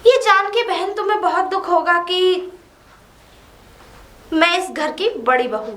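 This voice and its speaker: An actress playing a scheming young wife who taunts and bosses the new bride. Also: female voice, very high-pitched, lively intonation, measured pace, a bit bright, full character voice. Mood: taunting. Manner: taunting, mocking. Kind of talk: low-budget Hindi drama acting. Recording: echoey room.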